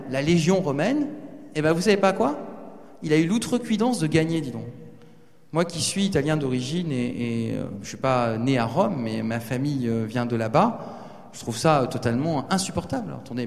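A man giving a lively talk to students in a large hall, teasing and speaking to the audience directly. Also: on the high side. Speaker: guest speaker addressing students. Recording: reverberant hall.

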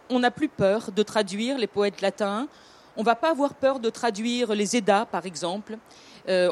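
Hesitant woman with a southern French accent. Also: medium pitch. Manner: hesitant, many fillers and restarts, joking asides. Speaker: storyteller. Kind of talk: casual storytelling talk.

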